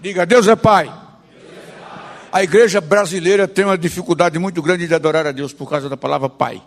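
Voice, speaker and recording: A Brazilian man preaching a sermon as a pastor, swinging from loud declarations to quiet asides. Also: fairly high pitch, steady tone, fast, long reverb tail, a faint crowd. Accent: Brazilian Portuguese.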